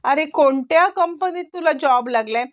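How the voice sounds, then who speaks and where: Probing young wife, high and quick with questions; a woman reads her. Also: dull audio, close to an everyday voice.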